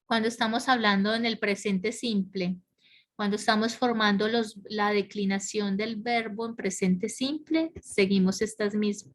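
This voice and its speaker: A woman's voice: mid-range voice, unhurried. A woman teaching an English grammar lesson online, explaining rules step by step and often checking in with her students. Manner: explains step by step, checks understanding with frequent questions.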